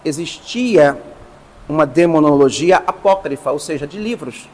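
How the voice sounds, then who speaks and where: A man, a priest, teaching a class, explaining slowly and stressing each term. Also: a little high, lively intonation, in a large hall. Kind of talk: lecture.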